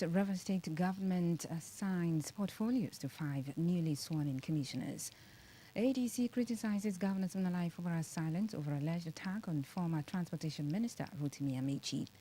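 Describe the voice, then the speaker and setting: A woman with a Nigerian accent reading a scripted radio news bulletin in a formal, deliberate manner. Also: fairly low pitch, mellow, poor audio. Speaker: radio newsreader.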